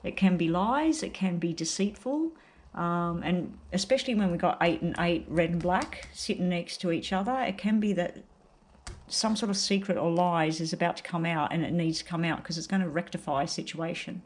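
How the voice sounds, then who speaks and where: A woman giving a casual, unhurried tarot card reading while suffering from a very sore throat. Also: lowish voice. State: very sore throat, may choke up.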